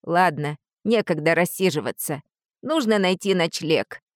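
A woman's voice: lowish voice, expressive, a little slow, no echo, clean studio sound. A woman reading an audiobook and voicing a small, haughty male lizard guardian spirit who hisses and talks down to people. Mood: urgent. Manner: hissing, condescending.

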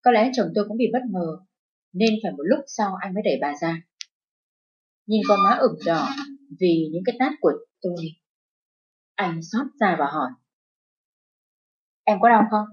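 A woman narrating a dramatic first-person story in a steady, emotive storytelling voice. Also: on the low side, moderate pace, pauses often, slightly rough. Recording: dull lo-fi with faint music.

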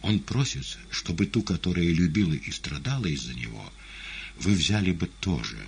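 A man's voice: sits low, sing-song, normal speed, gravelly, a little hiss or hum, full character voice. A man voicing an earnest male disciple in an audiobook, speaking bitterly and sadly, then pleading. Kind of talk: audiobook character reading.

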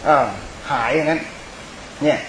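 A man's voice: normal speed, a bit bright. A man, a Buddhist monk and teacher, giving an informal Dhamma sermon in a conversational, rambling way, speaking directly to his listeners. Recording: echoey room, clear background hiss.

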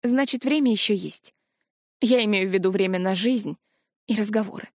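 A woman's voice: mid-range voice, moderate pace, no echo, natural voice. A woman voicing a stubborn young heroine in her own plain storybook voice, earnest and dry. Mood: worried.

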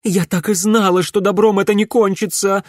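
A desperate noblewoman hurls her protests in a high, piercing voice, as a male narrator puts her on. The sound is close and dry. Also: steady tone, normal speed, no room sound, natural voice. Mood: indignant. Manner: shrill, indignant shouting. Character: distraught noblewoman, a mother, shrill and defiant.

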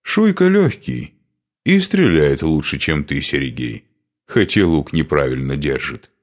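A man's voice: rumbling low, sing-song, measured pace, heavily acted. A man voicing a boastful young male steppe horseman who teases his comrades. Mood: teasing. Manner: cocky, teasing.

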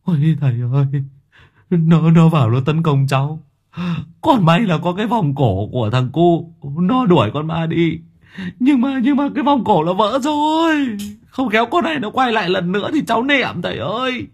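A man voicing a frightened old paper-offerings maker who wails and stammers in a high, strained voice. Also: animated, normal speed, husky, exaggerated voice. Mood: panicked. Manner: wailing, panicky, stammering. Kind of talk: audiobook character voice.

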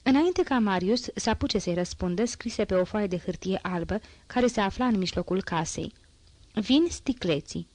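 A woman narrating a classic novel as an audiobook, in a steady, measured reading. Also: medium pitch, no echo.

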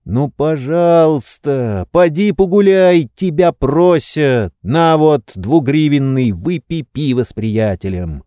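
A man voicing a flustered, impatient gentleman. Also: mid-range voice, very animated, a little slow, no echo, clean studio sound, pitched above the performer's own voice. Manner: pleading, then shouting orders. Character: lazy, flustered young Russian gentleman.

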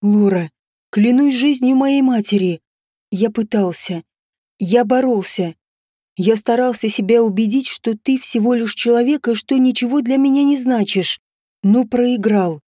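A woman voicing a jealous, brooding young husband, speaking low and slowly with heavy breathing. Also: mellow, no room sound, clean studio sound. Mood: pleading.

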